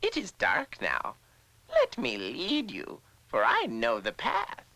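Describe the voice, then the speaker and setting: A woman playing a wicked forest witch as a very old, frail woman in a storybook drama, with a creaky, cackling, theatrically coaxing delivery. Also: rumbling low, wildly swooping pitch, takes it slowly, a bit bright, dry recording, exaggerated voice, rough recording. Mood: falsely sweet, coaxing. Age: very old woman, as played. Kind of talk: dramatized storybook fairy tale.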